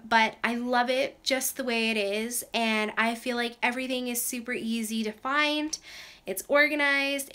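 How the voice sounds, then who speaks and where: A young woman with a Canadian accent chats casually to camera from her small bedroom craft room, where she vlogs about crafts. Her voice is a little high, bright and forceful, and she uses lots of "like" and "um".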